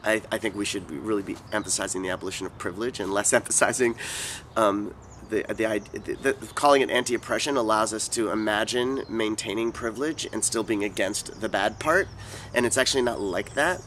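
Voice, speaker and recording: Soft-spoken man with halting, thoughtful speech. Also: lowish voice, slight background noise. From California. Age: 40s. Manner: thoughtful, halting, many ums and restarts. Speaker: interviewee, activist. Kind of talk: casual interview answers.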